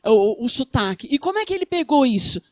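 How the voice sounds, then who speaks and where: In a fast, sing-song delivery, the high-pitched woman from Rio de Janeiro preaches with a Carioca Brazilian Portuguese accent. She asks her congregation questions, then answers them herself. The sound is dry and studio-clean.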